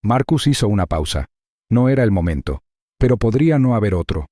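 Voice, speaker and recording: A man giving measured, suspenseful scripted narration of a thriller story. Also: on the low side, very animated, warm tone, no echo, clean studio sound.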